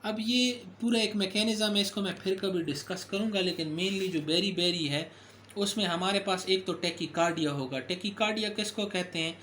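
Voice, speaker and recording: Man, somewhat high voice, medical lecturer, explanatory delivery with fillers, faint background hiss. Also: normal speed, a bit bright. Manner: explanatory, with frequent fillers and self-corrections. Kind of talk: recorded lecture.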